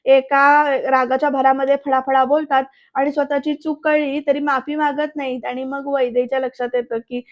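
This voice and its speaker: Woman, voice-over recap narrator, high voice, even and level delivery, talks to viewers, reads out dialogue. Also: normal speed, hardly any pauses, highs cut off. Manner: retells scenes, addressing viewers directly; reads characters' dialogue in quotes, mostly plainly. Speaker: serial episode reviewer.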